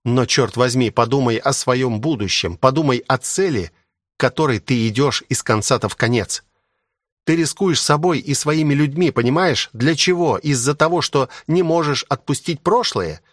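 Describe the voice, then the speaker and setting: A man's voice: expressive, moderate pace, no echo, clean studio sound, lightly acted. A man voicing a stern female guardian who lectures angrily in an audiobook. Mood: scolding. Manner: low angry lecturing.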